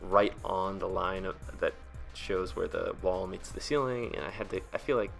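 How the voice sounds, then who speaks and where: A man giving a casual, rambling voice-over in a hesitant, self-deprecating way, with vocal fry at the ends of his phrases. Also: low voice, moderate pace, soft background music. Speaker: webcomic artist and video creator.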